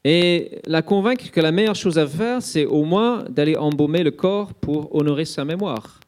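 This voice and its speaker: In this Easter sermon, a man brings the story to life by dramatizing its scenes, with frequent "euh" and "hein" fillers along the way. His voice is on the high side and darkish, at a normal speed.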